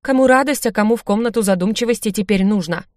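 A woman's voice: medium pitch, fast talker, darkish tone, dry recording, clean studio sound, voice pushed up, lightly acted. A woman voicing a sarcastic talking hare who grumbles and mocks everything around him. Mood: snarky.

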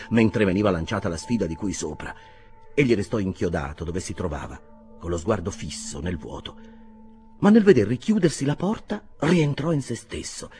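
A man narrates a classic novel in a theatrical, storytelling manner. His voice is on the low side but very animated, rising and falling through the sentences. Faint music plays behind him. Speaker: audiobook narrator. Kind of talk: scripted narration, literary reading.

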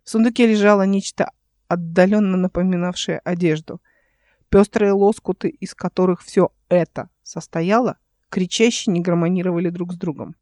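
A man reading a novel aloud as narrator, steady and expressive, close to the mic. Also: high voice, normal speed, no room sound. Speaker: audiobook narrator. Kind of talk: scripted narration.

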